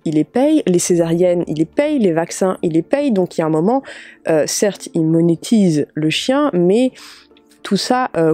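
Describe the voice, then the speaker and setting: A woman's voice: fairly low pitch, dark tone. A woman with a slight slushy lisp on her s sounds, chatting casually and explaining things informally as a vlogger. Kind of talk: casual chat to camera.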